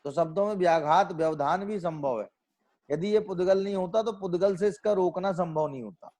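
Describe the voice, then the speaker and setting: Male scripture lecturer, slightly higher voice, works through points with rhetorical questions and repetition. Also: fairly quick, a little mellow. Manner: asks rhetorical questions and answers them himself; repeats and restates phrases as he reasons aloud. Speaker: Jain scholar lecturing on scripture. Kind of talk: explanatory religious lecture.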